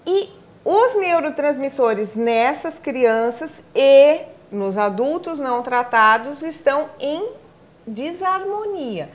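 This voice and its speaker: A woman's voice: sits high, lively intonation, takes it slowly. A woman neurologist from Brazil, explaining things step by step in an interview and posing her own questions. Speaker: neurologist guest.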